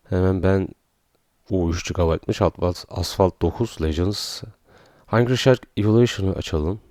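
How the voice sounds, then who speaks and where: A man giving casual gameplay commentary, calmly explaining menus and then playfully shouting at the game creatures. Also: deep voice, dry recording. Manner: playful, talks to the game creatures in bursts of excitement; laid-back walkthrough talk between outbursts. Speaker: gaming and tech YouTuber.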